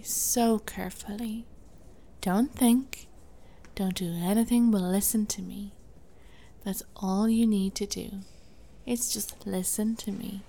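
Casting: woman as seductive, commanding princess hypnotist. ASMR role-play, right in the ear, unhurried and mellow, faint noise behind. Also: medium pitch. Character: imperious, seductive princess hypnotist, coaxing and controlling.

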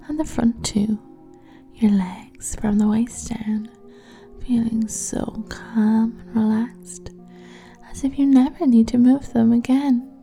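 A woman's hushed, soothing voice drifts between soft speech and whispers, with a low, gravelly fry and a very dark, mellow tone. She guides the listener slowly and intimately through a relaxing trance. Faint music plays underneath. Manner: second-person guided imagery. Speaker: hypnotist. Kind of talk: ASMR hypnosis roleplay, massage guidance.

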